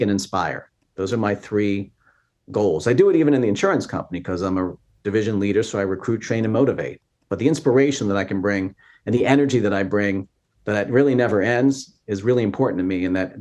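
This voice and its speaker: A man in his fifties appears as a podcast guest, speaking in a fairly low voice. His delivery is earnest and inspirational, with the easy flow of a casual interview.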